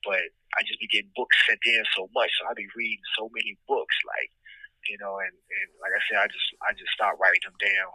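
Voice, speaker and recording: An American man speaking candidly in an interview on a prison phone, with a raspy voice and emphatic, repeated check-ins with his listener. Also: medium pitch, big pitch swings, brisk, sharp tone, no room sound. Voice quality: raspy, gravelly. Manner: emphatic, frequent "you know what I'm saying" check-ins. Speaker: interviewee, incarcerated poet. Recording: dry, close prison phone call.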